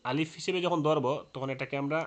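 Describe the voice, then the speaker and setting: A man's voice: on the high side, quick pace. A man teaching a lesson on Quran recitation rules, explaining step by step with frequent "ah" fillers and restarts.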